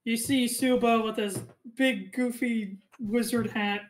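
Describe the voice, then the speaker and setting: A woman's voice: a little high, fairly even intonation, slow, slight background noise. A woman game master narrating a fantasy tabletop game in an informal, casual way.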